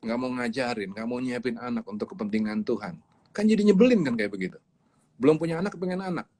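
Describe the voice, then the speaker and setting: A man's voice: mid-range voice, lively intonation, fast talker, a little mellow. A man preaching in a livestreamed sermon, speaking emphatically and repeating his key words. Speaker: pastor.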